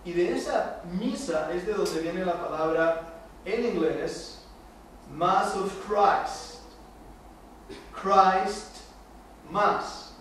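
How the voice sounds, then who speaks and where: A man's voice: high voice, takes it slowly. A middle-aged man with a Spain Spanish accent, teaching a Bible study to young people, speaking emphatically and putting rhetorical questions to the room. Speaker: church youth teacher. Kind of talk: Bible study lecture to youth. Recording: echoey room, distant mic, faint noise.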